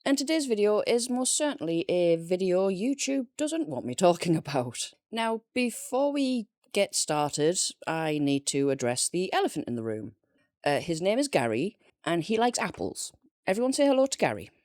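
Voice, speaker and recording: A woman's voice: fairly low pitch, very animated, moderate pace, a little mellow, no echo, clean studio sound. A chatty woman with a Northern English accent, casually reviewing books and joking at her own expense. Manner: chatty and jokey, laughing at herself. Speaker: book reviewer. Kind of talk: casual unscripted video review.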